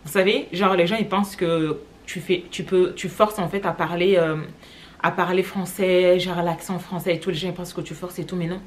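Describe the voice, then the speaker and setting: A woman's voice: lowish voice, fairly even intonation, normal speed, a little hiss or hum. A young woman from Cameroon with a French accent, chatting casually to her vlog audience, rambling with lots of fillers. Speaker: vlogger.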